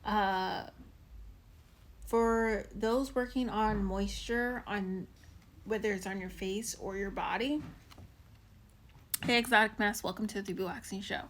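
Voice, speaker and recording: A woman's voice: mid-range voice, steady tone, unhurried, pauses often, fairly bright tone, slight background noise. Chatty woman livestreaming a skincare walkthrough. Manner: chatty, greets viewers by name mid-explanation; frequent ums and likes, loose rambling flow. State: chewing candy. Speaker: livestream host and waxing specialist. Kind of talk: casual livestream tutorial.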